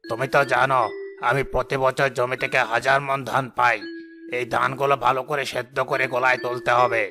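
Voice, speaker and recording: In a Bengali cartoon, a man voices a rich, stingy, bossy old village chief, sounding commanding, condescending and full of himself. His medium-pitched voice is flat, fairly quick and sharp, with soft music underneath.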